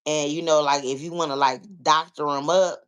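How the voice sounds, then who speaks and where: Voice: mid-range voice, steady tone, normal speed, a bit bright, clean tone. An American vlogger chatting casually with listeners, explaining things step by step and often leaning on filler phrases like "you know.". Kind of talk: casual chat, answering listeners.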